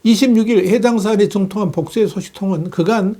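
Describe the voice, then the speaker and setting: Man, news commentator, high pitch, mellow dark tone, measured reading. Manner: steady, measured reporting with occasional fillers.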